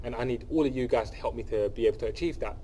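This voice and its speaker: Sniffly from a cold, a young man hosts his channel and breaks down an upcoming fight, speaking casually and enthusiastically to camera. His mid-range voice is mellow and very fast, full of repeated phrases, fillers and restarts, with a little hiss or hum on the audio.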